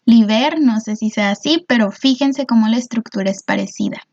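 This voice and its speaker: A woman's voice: a little high, brisk, darkish tone, lo-fi sound. A woman teacher, patiently explaining a lesson and often checking in with her students. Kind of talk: recorded class explanation.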